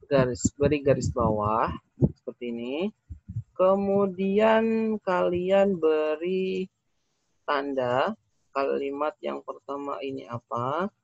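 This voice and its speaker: A man with an Indonesian accent teaching an English lesson, explaining slowly and repeating himself with fillers. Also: mid-range voice, gravelly, no echo. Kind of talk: recorded classroom lesson. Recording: dry, slightly dull lo-fi recording.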